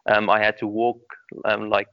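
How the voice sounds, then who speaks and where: A young man with a South African accent answers interview questions in an earnest, rambling way, leaning on ums and repeated words. His voice sits a bit low. The recording is dry and dull. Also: monotone, moderate pace, clear, resonant tone, no room sound. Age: young adult. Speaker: guest. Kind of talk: casual interview.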